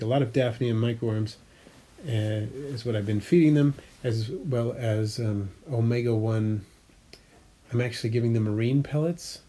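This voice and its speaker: A man's voice: medium pitch, warm tone. A man casually chatting about his fish tanks, rambling a little and correcting himself as he explains. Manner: rambling, self-correcting, frequent fillers; explanatory, hobbyist detail. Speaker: aquarium hobbyist vlogger. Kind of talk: casual chat.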